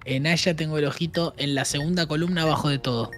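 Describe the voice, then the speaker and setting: A young man with a Rioplatense Spanish accent, playing a game with a friend. He reads instructions aloud haltingly and sounds flustered. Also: fairly high pitch, steady tone, music in the background. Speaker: gaming partner. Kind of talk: casual gaming banter.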